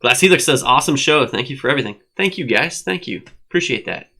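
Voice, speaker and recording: Man, co-host, bright clear voice, playful, teasing, laughs a lot, casual chat at home. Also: medium pitch, expressive, fast. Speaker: co-host of a live online show. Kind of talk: casual banter. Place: at a desk at home with a dog.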